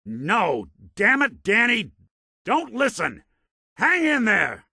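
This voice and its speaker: Urgency colors this take from a man with a lowish voice who speaks unhurriedly yet with big swings in pitch, and there's no echo. He's acting as a video game's world-weary robot detective with a conscience, dry and hardboiled in 1940s American street style.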